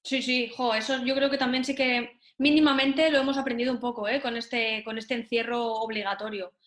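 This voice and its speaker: A woman's voice: on the high side, steady tone, a bit bright. A woman from Valencia interviewing a guest in a playful, chatty way, firing off light questions. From Valencia, Spain. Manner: playful, chatty, quick to laugh. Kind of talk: casual interview chat. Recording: roomy echo.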